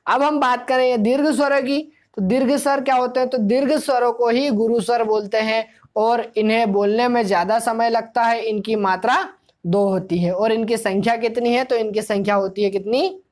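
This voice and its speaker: A woman's voice: a little high, steady tone, normal speed, a little mellow. A woman teaching a grammar lesson for exam students. She asks the class questions, answers them herself and repeats key points. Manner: explanatory, drilling tone.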